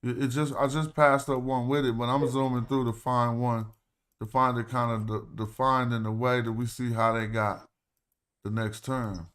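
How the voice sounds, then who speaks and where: A man's voice: medium pitch, flat delivery, moderate pace, fairly bright tone, clean tone. A man hosting a casual livestream, talking loosely and thinking aloud as he walks through ancient Egyptian words. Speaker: host. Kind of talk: casual livestream walkthrough of hieroglyph texts.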